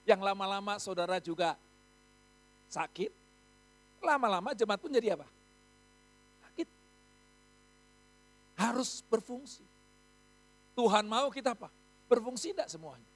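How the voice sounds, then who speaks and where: A man from Indonesia preaching a sermon in a church, quizzing the congregation and swelling to loud emphatic peaks. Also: high voice. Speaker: pastor. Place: church hall.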